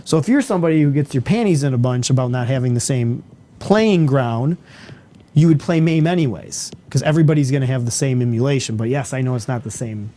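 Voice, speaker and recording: A man's voice: mid-range voice, a little fast, dark tone. A man hosting a casual podcast, chatty and laughing, hyping up segments. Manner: chatty, laughing, hype announcer bits. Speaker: podcast host. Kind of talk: casual chat.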